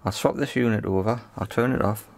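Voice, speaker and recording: Against background noise, a man with a fairly low, creaky voice talks briskly as he hosts an electronics repair video. He thinks aloud in short, unscripted phrases about the hands-on repair.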